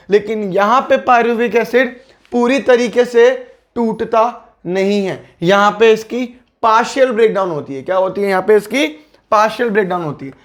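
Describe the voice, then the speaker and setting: A young man teaching biology for exam prep, friendly and coaxing. He repeats key terms and asks and answers his own questions. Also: sits high.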